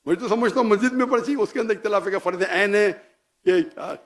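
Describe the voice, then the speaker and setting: A man's voice: high-pitched, quick pace. A man giving a public religious talk, emphatic and challenging, firing off rhetorical questions and dropping in English phrases. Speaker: Islamic preacher.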